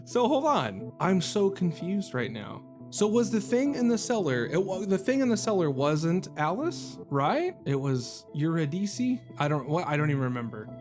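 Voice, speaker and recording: A video game streamer gives casual let's-play commentary, thinking aloud in a rambling way and cracking self-deprecating jokes. His voice is a little high with big pitch swings, at normal speed with few pauses. Game music plays behind him.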